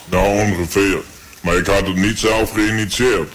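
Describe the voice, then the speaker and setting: Courtroom defendant, male, voice disguised by a very low pitch shift; brief, hesitant answers. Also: unhurried, breathy edge. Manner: short, flat, hesitant answers. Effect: voice disguised by a deep pitch shift.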